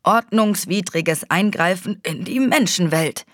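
A woman's voice: on the low side, a little slow, a bit bright, no room sound, studio quality. A woman reading an audiobook, voicing a grumpy male secret agent with a cold who growls and grumbles his lines.

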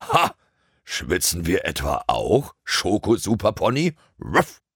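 A man's voice: low-pitched, huge pitch swings, slow, a bit bright, husky, dry recording, clean studio sound, heavily acted. A man voicing a cheerful, playful male dog in a storybook reading, panting and barking between his words. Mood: teasing. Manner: pants and barks between words.

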